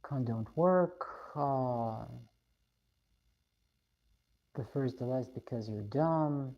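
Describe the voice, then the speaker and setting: A woman's voice: extremely low pitch, slow pace, muffled recording. A woman from Russia, live streaming, reading viewer comments and giving blunt, opinionated views.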